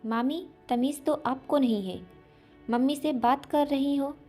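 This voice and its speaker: A woman's voice: high voice, measured pace, warm tone, soft background music. A woman voicing an insolent young boy who talks back to his elders, in a spoken storybook. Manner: insolent, accusing.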